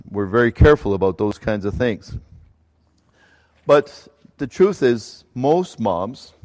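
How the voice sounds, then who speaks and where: A middle-aged male pastor who grew up in Ecuador, preaching a sermon in a conversational, halting way with fillers and restarts. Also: fairly low pitch, a little mellow. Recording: long hall reverb.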